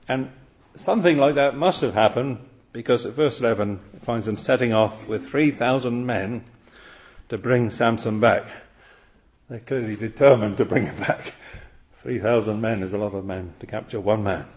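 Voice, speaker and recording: A man's voice: fairly low pitch, normal speed, a little mellow. A man preaching an expository sermon, earnest and full of rhetorical questions.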